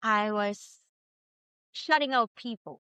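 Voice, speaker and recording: A woman in her thirties with a Jamaican accent, telling her story as a podcast guest in a lively, chatty way. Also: fairly high pitch, slow pace, clear, resonant tone, no echo. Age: 30s. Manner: lively, chatty, quotes herself often. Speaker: guest entrepreneur. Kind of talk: candid storytelling interview.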